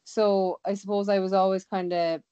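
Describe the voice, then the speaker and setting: A woman's voice: mid-range voice, little pitch movement, normal speed, warm tone, clean tone, no echo. A woman in her thirties with a west of Ireland accent, chatting casually and informally in a slightly dull recording. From Galway, west of Ireland. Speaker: interview guest, sea swimmer. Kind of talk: casual chat.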